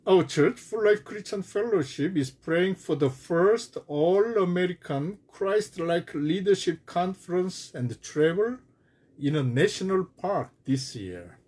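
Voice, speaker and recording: Slow, husky-voiced male pastor preaching. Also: expressive, a little mellow. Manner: slow, emphatic preaching with wide pitch swings. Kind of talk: sermon.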